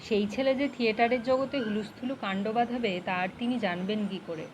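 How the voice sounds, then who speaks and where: A woman's voice: on the high side, fairly even intonation, fairly quick, slight background noise, close to an everyday voice, poor audio. A woman reading the lines of a chatty, teasing middle-aged male writer friend in a storybook reading. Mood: friendly. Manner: teasing, talkative.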